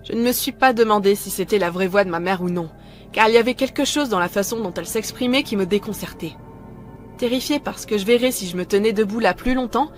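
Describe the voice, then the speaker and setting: A woman narrating a first-person horror story in a calm, measured way, scripted. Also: mid-range voice.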